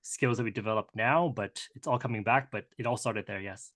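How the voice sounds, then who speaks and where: A man's voice: lowish voice, a bit bright. A man in his thirties, from Hong Kong and raised in Canada, answers interview questions in a conversational way, often restarting his sentences. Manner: conversational, halting with many restarts and fillers. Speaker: guest entrepreneur.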